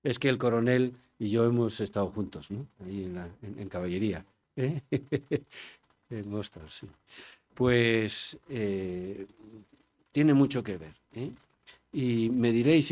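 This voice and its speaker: A man's voice: lowish voice, darkish tone. An older man from Spain giving an informal public talk, chatty and digressive, often turning to the audience with questions. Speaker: conference speaker.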